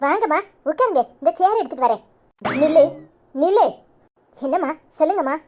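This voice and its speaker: A woman's voice: sits high, expressive, brisk, darkish tone, slight background noise. A woman voicing a fretful village mother of a bride, pleading with her in-law and grumbling about her daughter. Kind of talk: cartoon voice acting.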